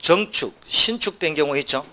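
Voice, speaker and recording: A man teaching a civil law exam prep lecture, quizzing students with quick either-or questions and dropping wry asides. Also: on the high side, expressive, pushed and bright. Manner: wry asides with short laughs.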